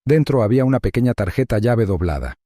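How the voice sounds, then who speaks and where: Male narrator, mid pitch, mellow and dry, measured suspense reading. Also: big pitch swings, dry recording. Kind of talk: scripted narration.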